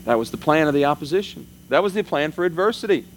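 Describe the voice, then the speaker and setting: A man's voice: a little high, animated, fast talker, slight background noise. A man preaching a sermon as pastor, in a conversational style, his voice rising and falling for emphasis.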